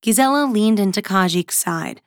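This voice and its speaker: A woman reading a novel aloud in an even, measured narration. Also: mid-range voice, no echo, studio quality. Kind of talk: audiobook narration.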